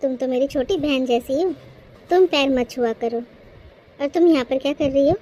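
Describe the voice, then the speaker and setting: Meek young daughter-in-law in a cartoon, very high pitch, soft polite delivery; voice actor. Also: moderate pace, close to an everyday voice. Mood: gentle.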